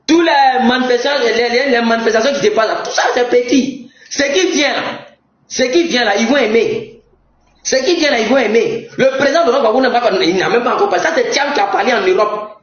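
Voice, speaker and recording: A young man with an Ivorian French accent giving a heated political rant, mocking and often shouting and laughing. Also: very high-pitched, a little fast. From Côte d'Ivoire. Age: young adult. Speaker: political commentator. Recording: roomy, dull lo-fi sound.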